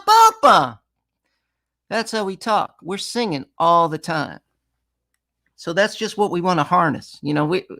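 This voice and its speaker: A man's voice: sits high, vocal fry, a bit bright. A man leading a songwriting masterclass, talking casually with many restarts and sudden sung examples. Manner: conversational, full of restarts, breaks into sung and acted examples. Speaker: songwriting teacher.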